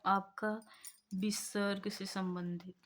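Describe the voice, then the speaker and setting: A woman teaching an exam prep class, slowly reading out words twice each and putting in quick asides to her students. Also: mid-range voice, little pitch movement. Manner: slow, deliberate repetition of each word. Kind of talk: spelling drill lesson, reading words twice.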